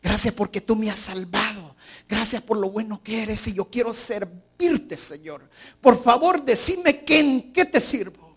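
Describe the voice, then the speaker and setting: A man's voice: high voice, lively intonation, measured pace, fairly bright tone, breathy edge, voice pushed up, exaggerated voice. A man preaching who acts out a self-centered woman, moving between pleading prayers and brusque refusals. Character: pious but self-centered praying woman.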